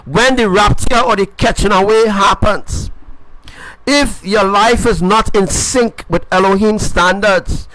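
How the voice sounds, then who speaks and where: High-voiced man preaching emphatically. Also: measured pace, a bit bright, no room sound, poor audio. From Caribbean. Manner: repetitive, emphatic, asks "right?" often. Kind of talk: informal sermon.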